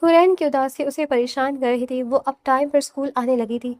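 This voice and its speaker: A woman reads a romantic novel aloud in scripted audiobook narration, soft and steady. Her voice sits high, and the recording is close and dry with no room sound. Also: no room sound.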